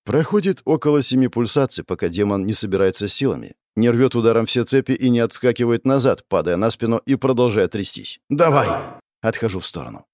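A man narrating a fantasy action audiobook in first person, intense and dramatic, breaking into shouted exclamations. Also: medium pitch, animated, quick pace, hardly any pauses, no echo, studio quality.

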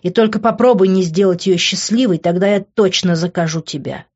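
A woman's voice: lowish voice, a little fast, darkish tone, highs cut off, natural voice. Woman voicing a guilty, defensive middle-aged man. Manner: sighing, defensive.

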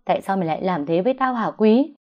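A woman's voice: fairly low pitch, animated, unhurried. A woman voicing a furious, betrayed young woman who screams accusations and chokes on sobs, in a story reading on dull, lo-fi audio. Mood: screaming, furious. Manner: shrieking accusations, breaking into sobs.

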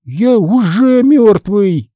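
A man's voice: sits high, lively intonation, very slow, no room sound, muffled recording, pitched above the performer's own voice, full character voice. A man doing a whiny zombie boy. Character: stubborn undead boy, sluggish and sulky.

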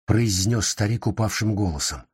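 A man reading a story aloud in a measured, expressive storytelling manner. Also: lowish voice, slightly rough. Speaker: narrator. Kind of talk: scripted audiobook narration.

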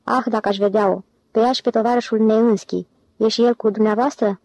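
A woman's voice: a little high, steady tone, dark tone, no room sound, poor audio. Young male car enthusiast, read by a woman, insistent, pestering, audiobook, dry close sound. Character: persistent eager young male amateur driver.

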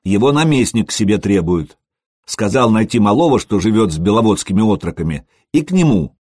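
A man voicing an outraged young retainer who shouts and complains. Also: on the low side, big pitch swings, fairly quick, husky, no room sound, clean studio sound. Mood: indignant. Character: indignant young male retainer of a governor.

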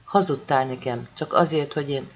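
A man's voice: mid-range voice, close to an everyday voice. A man reading as a furious, shaking mother. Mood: bitter. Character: distraught young mother, angry and shaking. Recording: dull lo-fi audiobook recording.

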